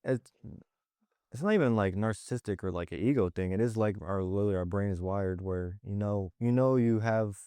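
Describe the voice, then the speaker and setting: A man's voice: on the low side, brisk, smooth, no room sound. A young man co-hosting a podcast who talks candidly and loosely about his own life, with lots of filler words and restarts. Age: young adult. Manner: relaxed and candid, with many likes and restarts. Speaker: podcast co-host and Navy recruit. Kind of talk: casual reflective chat.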